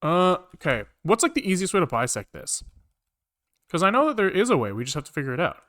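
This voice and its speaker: This live coding stream features a man with a high, sing-song, sharp-toned voice who talks fast as he thinks aloud, mutters, repeats phrases and occasionally curses. Keyboard typing and clicking run in the background, and the audio is studio quality with no room sound.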